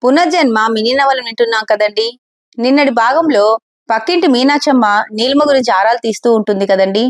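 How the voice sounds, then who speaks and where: A woman's voice: fairly high pitch, a little fast, no echo, studio quality. A woman storyteller reading an audio novel, addressing her listeners directly and politely. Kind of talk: scripted audio story narration.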